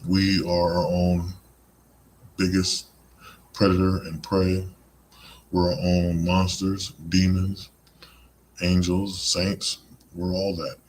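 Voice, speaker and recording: A man's voice: sits low, monotone, slow pace, pauses often, a little hiss or hum. A man hosting a live-streamed podcast, talking in a rambling, conversational monologue full of "you know" asides. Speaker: podcast host.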